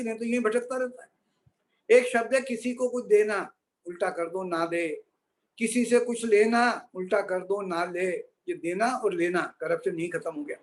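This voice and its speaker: A man, delivering a humorous motivational lecture. He builds jokes on playful wordplay and tends to drop to a softer tone for each punchline. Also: high voice. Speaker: guest speaker.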